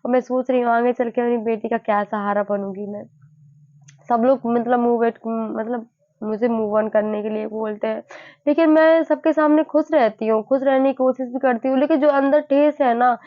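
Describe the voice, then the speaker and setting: A woman in her early twenties sharing her grief in a personal vlog. She sounds weary and low, halts often, and repeats herself. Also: steady tone, no echo. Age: early 20s. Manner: halting, repeats herself, many fillers. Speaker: vlogger. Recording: dull lo-fi dry sound.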